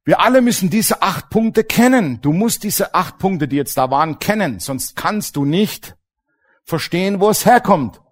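A middle-aged male pastor delivers an animated sermon at a moderate pace, his voice rising and falling a great deal and sitting a little higher than most men's. He drives points home with emphasis and keeps checking in with the congregation through rhetorical questions.

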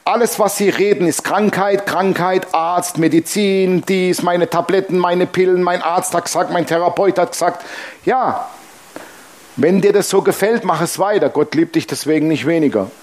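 A man preaching to his congregation as pastor, blunt and colloquial, acting out the voices in the stories he tells. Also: normal speed. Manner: animated storytelling, acting out dialogue with shifting pitch. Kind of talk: sermon.

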